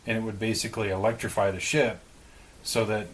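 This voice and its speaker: A man's voice: fairly low pitch, flat delivery, fairly quick, a little hiss or hum, low-quality recording. A man co-hosting a podcast, casually explaining a story with some swearing and speculation. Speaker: podcast co-host. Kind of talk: casual conversation.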